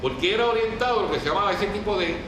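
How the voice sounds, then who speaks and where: This male lecturer talks rapid-fire, his high voice full of lively intonation, as he teaches history to a group in a casual, didactic style. He speaks colloquially with a Puerto Rican Caribbean Spanish accent and keeps questioning his listeners. A distant mic in a very echoey room picks up clear noise.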